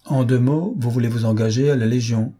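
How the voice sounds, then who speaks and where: A gruff, grumbling barracks officer, as a male narrator puts him on, pitched a little above the reader's own low voice. His husky tone stays mellow in this storybook reading. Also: brisk, lightly acted. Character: grumpy legion barracks warrant officer, middle-aged man.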